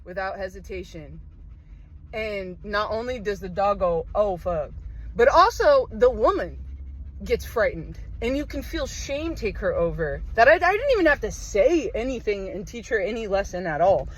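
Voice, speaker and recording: A woman telling a rambling, profane comic story about her morning walk, with deadpan asides. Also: mid-range voice, moderate pace, poor audio. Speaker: vlogger. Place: outdoors in a wooded park.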